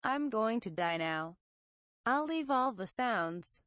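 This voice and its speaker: A woman voicing a dead man's voicemail message that flatly threatens a curse. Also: a little high, slow, dry recording. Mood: menacing.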